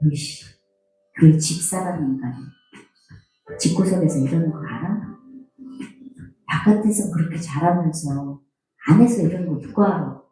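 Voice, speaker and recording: A man's voice: on the high side, moderate pace, long pauses, dark tone, close to an everyday voice. A woman quoting her sulky teenage son as he grumbles and talks back rudely, in a very echoey hall with faint music. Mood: resentful.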